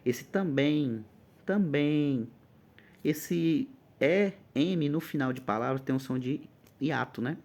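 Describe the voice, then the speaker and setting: Man, Brazilian Portuguese accent, exam-prep teacher, emphatic, keeps checking in, mid-pitched voice. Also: a little slow, vocal fry. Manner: lively, emphatic, checks in often. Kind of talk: informal exam-prep lesson.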